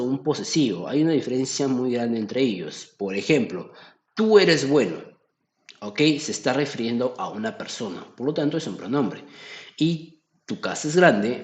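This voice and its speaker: Guy walking thru exam answers, keeps asking ok?, mid-pitch, roomy echo. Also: a little mellow. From Peru. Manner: explanatory, checks in with "¿ok?" often. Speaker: tutor. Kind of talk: exam-solution lesson.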